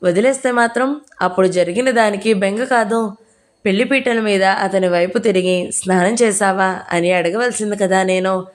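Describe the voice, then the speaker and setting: A woman's voice: mid-range voice, moderate pace, lightly acted. Woman reading a meek young bride. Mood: amused. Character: young educated bride, timid, self-mocking.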